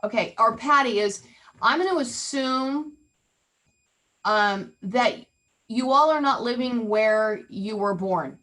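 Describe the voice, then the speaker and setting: Over a video call, a woman leads an interactive online real estate training, chatty and teasing, often putting questions to the group. Her slightly high voice is slow and sharp-toned, and the recording is rough.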